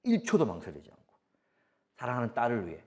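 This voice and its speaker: A man in his forties preaching a sermon, his pitch swinging widely as he drives points home. He repeats short emphatic lines in a steady preaching cadence and slips into personal stories. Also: quick pace. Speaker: pastor.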